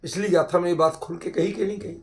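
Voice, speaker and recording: A man's voice: high voice, fairly even intonation, fast talker. A man leading an interactive scripture discussion, explaining emphatically with homely examples and constantly checking whether his listeners follow. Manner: keeps quizzing listeners with rhetorical checks. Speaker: scripture teacher. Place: online group session.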